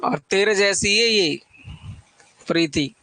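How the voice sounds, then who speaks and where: A man with a high voice teaches a live online Hindi literature exam-prep class. He keeps the tone chatty, repeating lists of titles and teasing students by name as he goes. The recording is dry and close, with no room sound. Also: animated, slow, sharp tone, no room sound.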